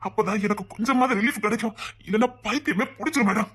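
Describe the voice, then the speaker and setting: A restless, lovesick police officer from an animated story, voiced by a woman, talking fast with a Tirunelveli accent and tripping over his words. The voice is husky and hurried. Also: fairly high pitch. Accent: Tirunelveli Tamil. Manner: agitated, stumbling over words.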